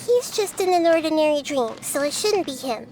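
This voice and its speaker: An actress voicing a small, childlike goddess of wisdom in a video game, gentle, precise and composed. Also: female voice, high voice, lively intonation, normal speed, a little hiss or hum. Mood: matter-of-fact. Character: small childlike female deity of wisdom, calm, perceptive.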